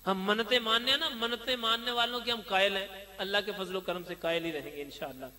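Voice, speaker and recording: A man's voice: high-pitched, fast talker, pushed and bright. A man preaching a sermon, exhorting listeners with chanting repetition. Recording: long hall reverb.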